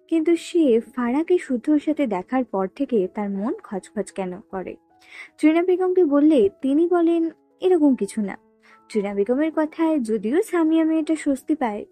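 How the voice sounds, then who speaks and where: Woman storyteller, high voice, mellow tone, dry sound, soft music behind. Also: dry recording. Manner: reads all characters' dialogue with only slight voice changes. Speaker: narrator. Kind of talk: storytelling reading of a romance novel. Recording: dry close voice with faint background music.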